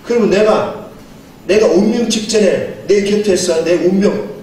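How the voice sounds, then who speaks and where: A man's voice: high voice, unhurried, a little mellow. A middle-aged man, a pastor, preaching a seminar sermon with a storytelling manner and acting out dialogue. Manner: storytelling, acts out dialogue, chuckles often. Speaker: pastor giving a seminar lecture. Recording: very echoey hall, mic far off, faint noise.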